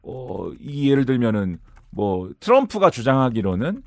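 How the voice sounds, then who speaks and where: As a guest in a studio discussion, a man analyzes politics, explaining things step by step with lively, sudden rises and drops in his delivery. He speaks at a medium pitch and moderate pace, and the recording is dry.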